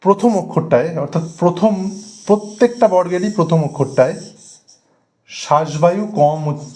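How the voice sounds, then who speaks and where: A man's voice: sits high, lively intonation, normal speed, a little mellow. A man teaching a grammar lesson at a board, repeating key terms and stressing them.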